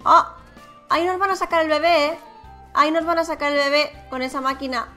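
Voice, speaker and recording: A woman's voice: high voice, steady tone, a little fast, sharp tone, soft background music. A woman giving chatty, playful, exclamatory gameplay commentary. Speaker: gaming YouTuber.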